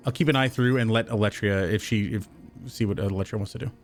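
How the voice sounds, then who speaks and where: A man playing in a tabletop role-playing game, describing his character's actions in a measured way. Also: fairly low pitch, soft background music. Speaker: player. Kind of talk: casual tabletop play.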